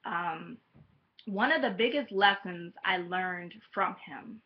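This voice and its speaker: A woman in her thirties talking candidly to camera on her vlog, wandering off on tangents and pausing with soft ums. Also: lowish voice, dull audio. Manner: candid, rambling, drifts into tangents; soft-spoken and hesitant with frequent ums. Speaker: vlogger. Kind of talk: personal vlog talk to camera.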